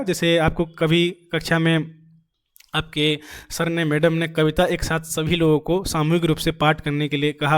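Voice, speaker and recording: A man teaching an exam-prep lesson, explaining by asking and answering his own questions, repeating key phrases, with pauses and fillers. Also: high voice. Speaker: Hindi teaching-methods teacher.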